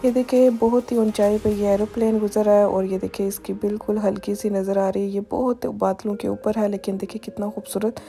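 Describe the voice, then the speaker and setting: A woman narrates her evening walk through old city streets for her vlog, filming on a phone as she strolls. Her voice is mellow and fairly level, with soft music playing underneath. She chats along, pointing out each sight as she reaches it. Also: mid-range voice, little pitch movement, a little fast, hardly any pauses. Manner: chatty, repeats "ye dekhiye" while pointing things out. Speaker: travel vlogger. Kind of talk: casual walking-tour narration. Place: outdoors on city streets at dusk.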